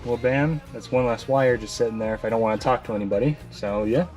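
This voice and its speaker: Talking fast over loud music, a man with a medium-pitched voice walks through a hands-on tutorial in a how-to video. He's a hobbyist, and his explanation is casual, informal and a little rambling.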